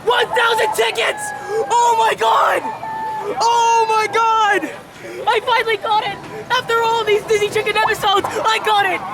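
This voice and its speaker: Shrieking, very high-pitched jackpot winner in an arcade. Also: flat delivery, unhurried. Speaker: arcade gameplay vlogger. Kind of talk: excited gameplay commentary. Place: busy arcade. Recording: loud noisy arcade with crowd din.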